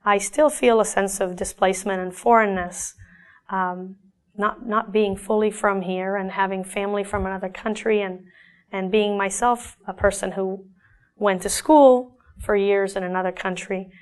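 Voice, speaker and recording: This middle-aged woman from Argentina talks through her paintings thoughtfully, stumbling and starting over often. Her pitch is medium and her tone stays steady.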